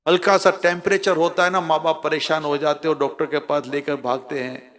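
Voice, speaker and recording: Male preacher, emotional storytelling sermon, somewhat high-pitched, dramatic loud-soft swings, repetitive emphasis. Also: level tone, a little fast. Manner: dramatic, swings from loud cries to hushed lament; repeats words for emphasis.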